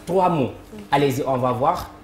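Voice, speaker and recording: Low-voiced woman hosting a quiz. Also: moderate pace, darkish tone. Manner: upbeat announcer, cues applause and addresses viewers. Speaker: game show host. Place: TV studio. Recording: echoey studio with faint noise.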